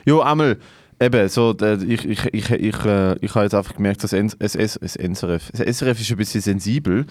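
Swiss German comedian joking on a podcast. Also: male voice, lowish voice, a little fast, darkish tone, no room sound, studio quality. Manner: rambling, joking, swears a lot, stumbles over words. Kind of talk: casual podcast banter.

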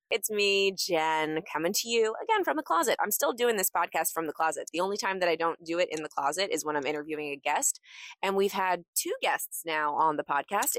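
A woman's voice: lowish voice, fairly bright tone, no room sound. A woman podcast host talking casually from inside a closet, in a chatty, emphatic, motivational manner. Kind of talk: casual solo podcast talk.

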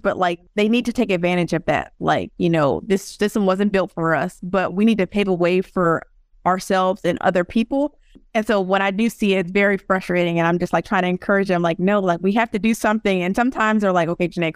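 Speaking a little fast in a mid-range voice, a young woman guest in a casual interview spins lively stories and performs the quotes of the people in them. The audio is clean studio sound with no room ambience.

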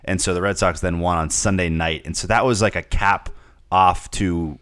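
A young man with a notably deep voice chats loosely about sports as a podcast co-host. He rambles, restarts and repeats words often. The sound is dry and close. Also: steady tone, normal speed, fairly bright tone, no room sound. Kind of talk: casual sports chat.

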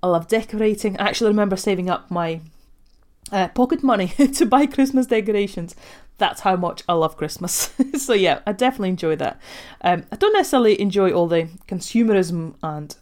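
A woman in her thirties from Latvia, Russian being her first language, talks alone into a podcast mic as a life coach. Her delivery is gentle and reflective, with frequent soft laughs. Her voice sits at an ordinary middle pitch. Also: animated, a little fast. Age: 30s. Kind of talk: solo podcast monologue.

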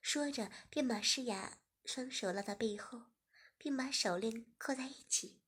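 A woman narrating a story, reading evenly and sometimes dropping into a soft whisper. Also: fairly high pitch, a little slow, slightly rough.

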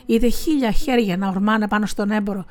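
A woman narrating a folk tale in a measured, expressive reading voice. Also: medium pitch. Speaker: storyteller. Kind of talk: storybook narration.

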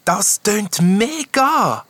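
A man's voice: a little high, quick pace, fairly bright tone, breathy edge, no echo, pitched above the performer's own voice. A man voicing a thoughtful young boy knight who ponders aloud, in a storybook reading.

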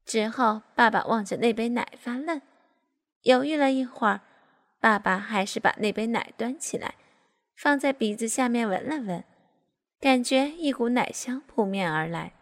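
A woman reading a first-person story aloud at a smooth, even pace. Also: on the high side, normal speed.

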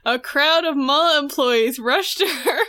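Bright, high-voiced giggly woman. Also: a little slow. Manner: giggly, laughs often while recapping. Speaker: podcast co-host recapping comics. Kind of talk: casual chat.

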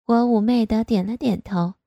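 A woman narrating a first-person audio story in a slow, soft, even reading. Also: a little high, vocal fry, dry recording, dull audio.

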